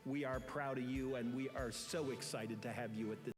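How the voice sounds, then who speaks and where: A man of medium pitch delivers an encouraging welcome address to new students. Music plays clearly behind his voice, and his tone stays warm and proud throughout. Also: steady tone, moderate pace. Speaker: university leader.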